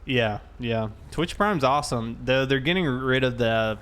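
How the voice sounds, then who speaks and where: A man with a mid-range, slightly bright and smooth voice speaks at a measured pace. He's hosting a casual game livestream, thinking aloud as he reads chat and talking informally to his viewers.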